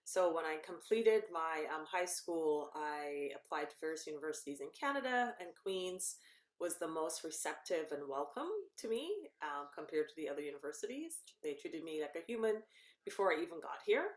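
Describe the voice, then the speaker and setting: A woman's voice: low-pitched, expressive, normal speed. A woman, a cancer researcher explaining her work at length as a podcast guest and correcting herself with ums. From Barbados. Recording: roomy echo.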